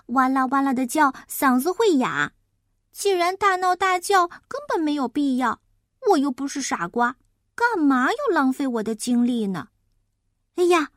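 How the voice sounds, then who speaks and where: A woman voicing a noisy, cheeky little boy who talks high, loud and insistent. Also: dry recording, studio quality.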